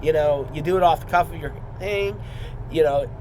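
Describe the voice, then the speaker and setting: A man with a fairly high voice talks casually into a vlog, rambling in an earnest, unscripted way. Clear vehicle and outdoor noise runs behind him. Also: normal speed. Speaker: wrestling student.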